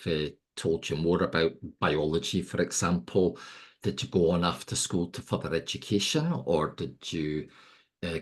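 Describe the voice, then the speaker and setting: Husky low-voiced chatty host. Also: male voice. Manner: chatty, jokey, self-mocking. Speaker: podcast host. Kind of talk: casual interview.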